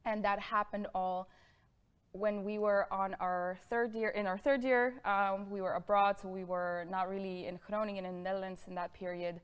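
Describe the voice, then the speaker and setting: A young woman in her twenties from Bulgaria presenting a lecture, friendly, with many fillers and quick bursts. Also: medium pitch, steady tone, clean tone. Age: 20s. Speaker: guest lecturer. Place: studio room with pink sofa.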